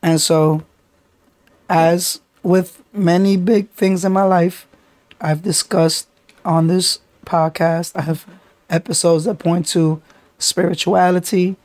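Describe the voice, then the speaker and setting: Podcast host: raspy, under-the-weather man with a New York accent, reflective, casual, dry close sound. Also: high voice, flat delivery, slow pace, darkish tone, no echo. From the Bronx. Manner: reflective, thoughtful, speaks in long run-on sentences. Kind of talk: casual chat.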